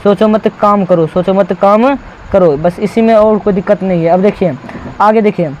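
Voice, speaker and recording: A man's voice: high voice, steady tone, moderate pace, a little mellow, highs cut off, slight background noise. A man from India teaching a textbook lesson, repeating key words and asking the class rhetorical questions.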